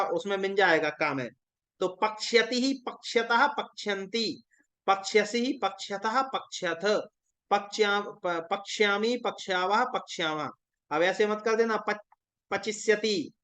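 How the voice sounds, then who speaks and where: High-voiced man drilling verb forms. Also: smooth. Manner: recites verb forms in a steady rhythmic drill, correcting pronunciation. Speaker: Sanskrit teacher. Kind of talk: online exam-prep lesson.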